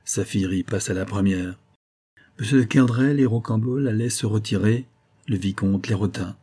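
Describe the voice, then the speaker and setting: A man reading a nineteenth-century novel aloud in measured scripted narration. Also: lowish voice, mellow, husky. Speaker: audiobook reader.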